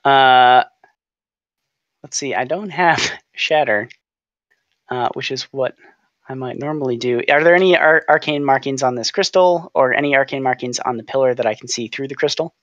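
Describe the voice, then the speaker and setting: Male tabletop player, medium pitch, hesitant casual talk, dry, slightly dull microphone. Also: normal speed, a bit bright, dry recording.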